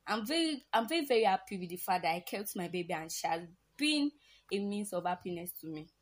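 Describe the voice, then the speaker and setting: Young woman, husky and earnest. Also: mid-range voice, expressive, fast. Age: young adult. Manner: earnest, thankful, hesitant restarts. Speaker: student mother, guest. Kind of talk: personal story in an interview.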